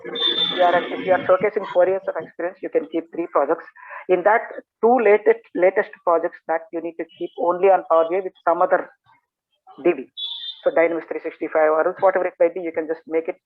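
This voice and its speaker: A man's voice: on the high side, steady tone, fast talker. A man from Andhra Pradesh with a Telugu Indian English accent, a native Telugu speaker, teaching in a casual live Q&A and often dropping in "okay" and "like". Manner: repeats "okay" and "like" as verbal tics. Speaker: software trainer answering questions. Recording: tinny narrow phone-like call audio.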